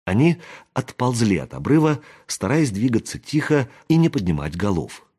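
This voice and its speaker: A man reading a fantasy novel aloud as an audiobook narrator, expressive and doing voices for the characters. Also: medium pitch, normal speed, slightly rough. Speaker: audiobook reader.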